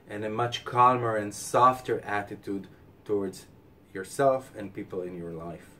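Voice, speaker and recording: A male astrologer hosting a weekly forecast, speaking calmly and giving advice, tired from little sleep. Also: on the low side, distant mic, a little hiss or hum. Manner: calm, advising, with frequent fillers and restarts. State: short on sleep. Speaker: astrologer host.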